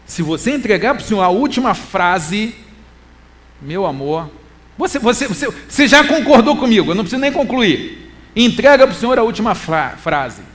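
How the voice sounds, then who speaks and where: A middle-aged Brazilian man preaching a church talk, animated, moving between loud emphasis and quiet asides and reading scripture slowly. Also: high voice. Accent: Brazilian Portuguese. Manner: quotes scripture in a slow, deliberate reading voice. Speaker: preacher and lecturer.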